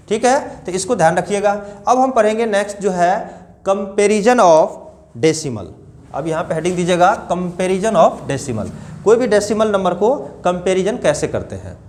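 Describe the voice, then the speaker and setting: Lively high-voiced male teacher. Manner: addresses students as children, explains step by step with repeated questions. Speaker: maths teacher. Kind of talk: classroom lesson.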